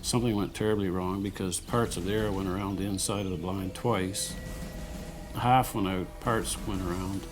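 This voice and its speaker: A man's voice: low-pitched, steady tone, moderate pace, over music. A man, a turkey guide, recalling a hunt in a plain, matter-of-fact way. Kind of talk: casual interview recollection.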